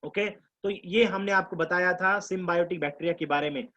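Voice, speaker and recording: A man teaching biology to exam students, mixing Hindi with Indian English, explaining slowly, repeating key terms and quizzing his class. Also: high-pitched, fairly bright tone, lo-fi sound. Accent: Indian English mixed with Hindi. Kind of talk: live online class lecture.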